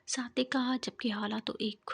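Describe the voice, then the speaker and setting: A woman narrating a romance novel in a soft whisper. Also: a little high, steady tone, gravelly, breathy edge.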